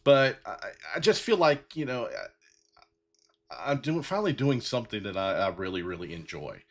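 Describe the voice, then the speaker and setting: Rambling man in his fifties, lively pitch. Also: normal speed, a little hiss or hum. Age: 50s. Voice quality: bald-headed. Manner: rambling with many fillers and restarts. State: getting emotional. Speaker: podcast host. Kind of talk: heartfelt solo talk.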